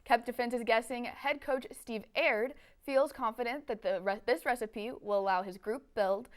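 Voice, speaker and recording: A woman's voice: a little high, normal speed. A young woman reading scripted sports news as an anchor in a TV studio.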